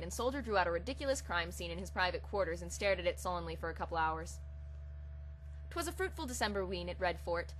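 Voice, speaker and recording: In a low, slightly bright voice, the woman opens her comic fan fiction reading with casual talk and then turns to dramatic storytelling read aloud. Poor audio leaves background hum and hiss clearly audible.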